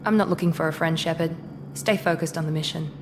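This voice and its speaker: This time the actress voicing the wary Cerberus agent speaks fast in a low register, her intonation fairly flat and her delivery clipped, distant and cool. Long reverb and clear hiss run through the game recording.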